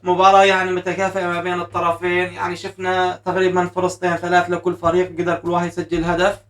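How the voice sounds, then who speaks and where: A man hosting a live football match reaction, shouting and chanting at the goals. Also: high-pitched, completely flat delivery, racing, recorded from a distance. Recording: echoey room, voice a bit off mic.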